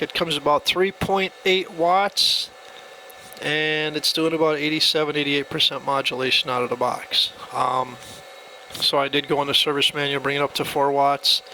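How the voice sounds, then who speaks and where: A product demonstrator walks through a device step by step in a casual, plainspoken tutorial. His medium-pitched voice is pushed and bright, the recording is rough, and faint background noise sits underneath.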